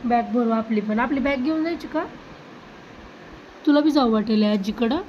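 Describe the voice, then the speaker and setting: A woman gently coaxing and questioning a small child at home. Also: a little high, normal speed, muffled recording, a little hiss or hum. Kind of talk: talking softly to a small child.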